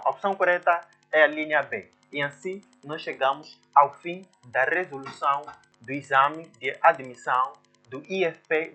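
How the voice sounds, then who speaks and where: A man's voice: a little high, pushed and bright, muffled recording. A man, working through exam answers as a teacher and sounding out syllables step by step. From Mozambique. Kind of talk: exam walkthrough lesson.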